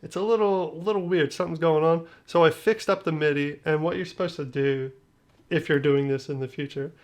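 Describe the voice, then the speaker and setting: Speaking briskly with fairly even intonation and a fairly high voice, a man walks through a music production tutorial over screen share. His talk is casual, slangy and joking, with phrases that trail away.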